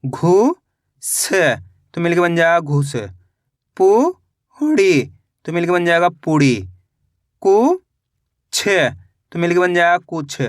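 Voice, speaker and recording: A man teaching Hindi reading in a slow phonics lesson. He sounds out each syllable and blends them into words. He encourages viewers as friends. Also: high voice, animated, clean tone, no room sound, studio quality.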